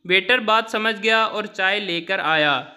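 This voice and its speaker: A man's voice: sits high, slow, bright, forceful tone. A man telling a run of short jokes, dropping his voice for quoted lines. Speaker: joke narrator.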